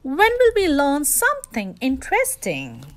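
A woman's voice: sits high, huge pitch swings, a little slow, exaggerated voice. A woman voicing a grumpy, complaining young male lobster in a storybook, with a sulky, disgruntled way of talking.

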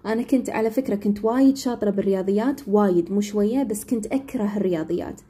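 Fast-talking woman teacher, husky. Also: medium pitch, mellow. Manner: chatty, asks listeners "right?" often. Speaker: English teacher. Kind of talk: casual live-stream Q&A.

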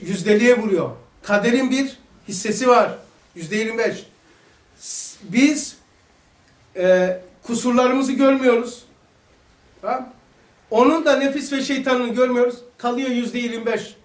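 A high-voiced man with a Turkish accent giving a religious lesson, lively and full of rhetorical questions. He is recorded from some distance away in an echoey hall. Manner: animated, acts out quoted voices, rhetorical questions. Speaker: religious teacher.

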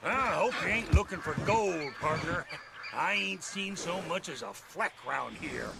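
An actor playing a cranky old gold prospector in a video game, with a folksy, grumbling American drawl. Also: male voice, fairly high pitch, animated, measured pace, gravelly, very noisy, exaggerated voice. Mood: folksy resignation. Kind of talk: video game character acting. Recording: loud outdoor game ambience behind.

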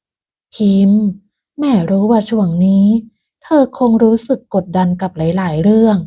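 A kind older mother-in-law speaks softly and unhurriedly, as read by a woman storyteller. Her voice is warm and mellow and her manner is patient and tender. It is a storybook folk-tale reading. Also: mid-range voice, steady tone, breathy edge. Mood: gentle. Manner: gentle, soft, slow.

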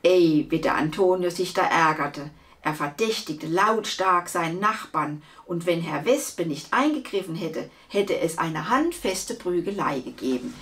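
A woman reading a children's book aloud, with lively, expressive storytelling. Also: fairly low pitch, measured pace. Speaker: storybook reader.

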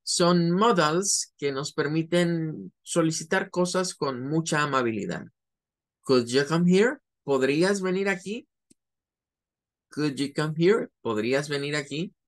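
A man teaching English phrases in a classroom lecture, explaining step by step and repeating examples slowly. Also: on the high side. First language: Spanish.

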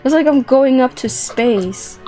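Music plays as a young adult woman, surrounded by plush toys in a small room, hosts a lighthearted gameplay video. Her high voice is mellow and unhurried, though she bursts into exclamations, giggles, and repeated phrases.

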